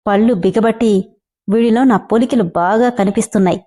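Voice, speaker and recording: A woman's voice: mid-range voice, normal speed, mellow, close to an everyday voice. A woman reading a storybook voicing a cocky, sarcastic young man who teases his old classmate.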